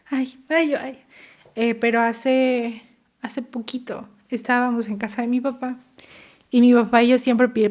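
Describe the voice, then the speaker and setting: A woman's voice: on the high side, a little mellow. A young woman with a Mexican accent, a mother telling her stories as a podcast guest, earnest and repeating words for emphasis. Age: young adult. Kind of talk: emotional personal storytelling.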